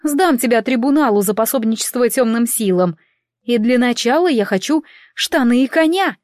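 Woman voicing a gloating, sharp-tongued former elf woman. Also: a little high, expressive, moderate pace, no echo, clean studio sound, pitched above the performer's own voice, lightly acted. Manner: mocking, gloating.

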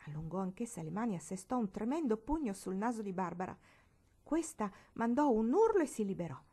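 A woman reads a classic novel aloud as narrator. Her delivery is expressive and dramatic, with an animated, wide-ranging pitch at a middle height. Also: a little fast, husky. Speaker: storybook reader.

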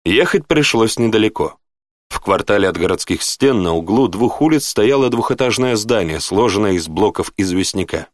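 A man narrates an audiobook expressively, in a storytelling manner. His voice is lowish, and the recording is dry and of studio quality.

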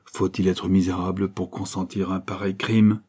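A man's voice: deep voice, little pitch movement, moderate pace, a little mellow, slightly rough. A man voicing an eager young man reasoning aloud. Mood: urgent.

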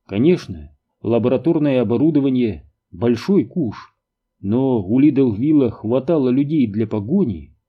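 A man narrating an audiobook in an even, measured reading. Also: medium pitch, slightly rough, phone-quality sound.

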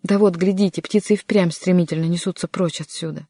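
A reader voicing a desperate young nobleman who shouts urgent warnings in an audiobook. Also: mid-range voice, fairly even intonation, fairly quick, no echo, clean studio sound, lightly acted. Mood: pleading. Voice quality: shouting, pleading. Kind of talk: audiobook character reading.

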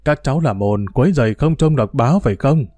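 A man voicing a gentle, easygoing old grandmother who soothes and smooths things over. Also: mid-range voice, lively intonation, a little fast, dry recording, clean studio sound, lightly acted. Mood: soothing. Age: older.

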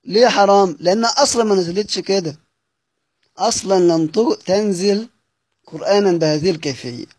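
An Egyptian man lectures his students in a high, bright voice. He explains patiently, raising questions and then answering them. The recording is dry and close, with no room sound. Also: moderate pace, breathy edge, dry recording. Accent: Egyptian Arabic. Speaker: Quran recitation teacher.

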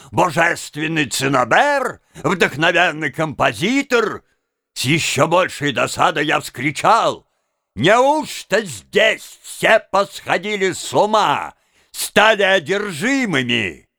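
Man voicing an excitable, proud Italian violinist. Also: a little high, creaky, no room sound, clean studio sound, exaggerated voice. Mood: outraged. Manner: indignant, boastful, theatrical outbursts. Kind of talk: audiobook character reading.

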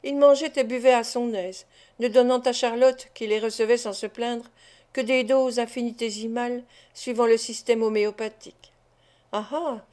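A woman reads a classic novel aloud as an audiobook narrator, measured and even in her storytelling. Her voice sits somewhat high and stays clear. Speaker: audiobook reader. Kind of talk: scripted narration.

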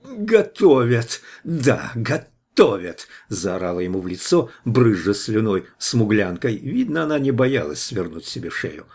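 Low, husky male audiobook narrator. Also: lively intonation, moderate pace, hardly any pauses, darkish tone. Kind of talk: expressive audiobook reading.

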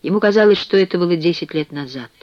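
Male audiobook narrator, expressive and measured; dry, slightly dull sound. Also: high-pitched, no room sound.

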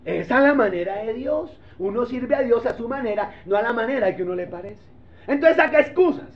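A man preaching a sermon as pastor, emphatic and asking the congregation questions. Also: extremely high pitch. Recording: dull lo-fi recording.

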